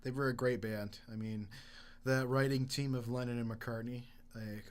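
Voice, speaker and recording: A man's voice: mid-range voice, steady tone, moderate pace. A young man co-hosting a podcast in casual chat, jokey and easily sidetracked. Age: young adult. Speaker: podcast co-host.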